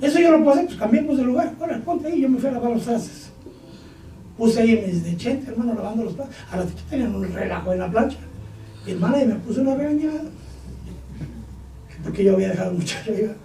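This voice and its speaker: Pastor, fiery sermon with shouted peaks, recorded from a distance in a boomy hall, faint noise underneath. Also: male voice, lively intonation, quick pace, vocal fry, long pauses. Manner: preaching with sudden shouted bursts and acted-out dialogue. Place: church hall.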